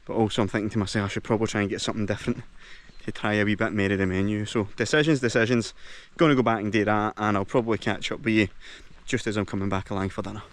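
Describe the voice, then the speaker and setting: Rapid-fire and with fairly even intonation, a low-voiced Scotsman keeps up a casual, enthusiastic travel-vlog chatter while touring a lodge and lochside. His Scottish accent is thick with local slang.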